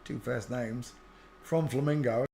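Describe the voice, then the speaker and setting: A man hosting a livestream rambles to himself while commenting on photos, muttering as he works and trailing off into asides. His medium-pitched voice is warm and creaky, and he speaks unhurriedly.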